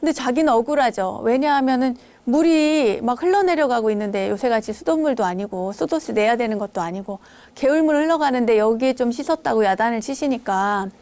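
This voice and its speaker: Buddhist nun telling a story, higher voice. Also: female voice, lively intonation, brisk, few pauses. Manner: warm storytelling, acts out quoted scolding. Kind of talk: storytelling dharma talk.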